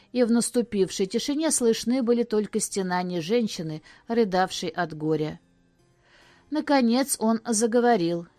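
A woman narrating a fairy tale in a measured, expressive storybook reading. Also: medium pitch, dry recording.

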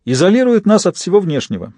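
A grave young boy who clips his words short, as a male narrator voices him. The sound is dry and mellow, as if read close to the mic. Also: high voice, big pitch swings, quick pace, no echo, voice pushed up. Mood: serious. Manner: curt, grave. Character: serious young boy, curt.

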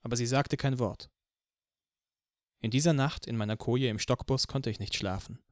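A man's voice: mid-range voice, normal speed, no echo. Male audiobook narrator, dry close sound. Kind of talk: first-person audiobook narration.

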